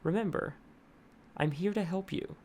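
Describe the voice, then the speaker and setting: A man's voice: high voice, normal speed, darkish tone, a little hiss or hum, voice pushed up, natural voice. A man doing a patient, soothing male therapist. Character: calm adult male therapist, patient then stern.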